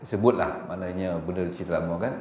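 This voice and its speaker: A middle-aged Malaysian Malay man gives a dawn lecture in a mosque hall, his low voice ringing in the room. He talks to the congregation in a chatty way, checking with them often, and lifts into a slow chant for Arabic quotations. A faint hum of the hall sits behind him. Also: darkish tone. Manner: conversational, often asks the audience "kan?" and laughs. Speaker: religious teacher.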